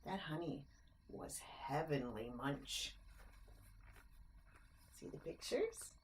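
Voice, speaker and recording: A woman reads a rhyming picture book aloud to children, expressive and slow, adding chatty explanations and simple questions for her listeners. Her voice sits low, with slight background noise.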